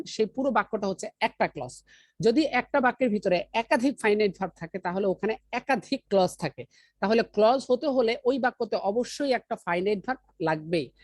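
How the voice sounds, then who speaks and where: Brief: a woman teacher, mid-pitched, dry close sound, walks the class through each rule and quizzes them. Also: no echo. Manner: explains step by step, asks the class questions; reads example sentences very slowly. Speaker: English teacher. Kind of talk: online grammar lesson.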